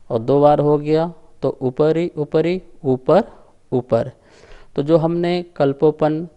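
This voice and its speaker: A male scripture teacher speaks in an unhurried, deliberate way and draws out every word. His voice is soft and mellow, and he explains patiently as he leads a class through syllable-by-syllable recitation. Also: fairly high pitch. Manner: slow, deliberate chanting of sutra syllables.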